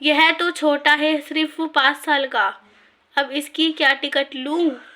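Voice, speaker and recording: A woman's voice: high voice, steady tone, slow pace, pushed and bright, full character voice. A woman voicing a tearful young mother in a read-aloud story.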